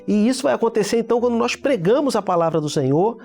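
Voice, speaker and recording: Casting note: male talk-show host, high voice, measured delivery, summarizes and checks in with the guest. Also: lively intonation, darkish tone, soft background music. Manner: measured, recaps and seeks agreement. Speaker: program host. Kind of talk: church talk program conversation.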